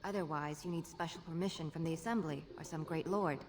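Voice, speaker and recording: An actress playing a shy, fumbling young dwarf scholar in a video game, speaking hesitantly and apologetically. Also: female voice, sits low, fairly quick, a crowd in the background, close to an everyday voice.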